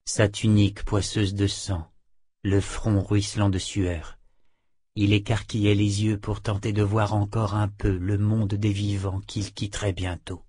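A man reading a novel aloud in a measured, even way. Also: on the low side, slightly rough, no room sound, clean studio sound. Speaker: audiobook narrator. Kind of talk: scripted narration.

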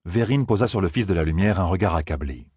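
A man narrating an audiobook in a measured storytelling manner, close to the mic. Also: low-pitched, lively intonation, darkish tone, slightly rough, no room sound. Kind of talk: scripted narration.

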